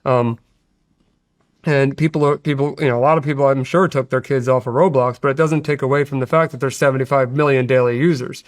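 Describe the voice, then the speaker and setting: In a clean, dry studio recording, a man appearing as a guest hacker explains things at length in an earnest interview conversation. His mid-range voice is steady and a little fast, and he often restarts his sentences.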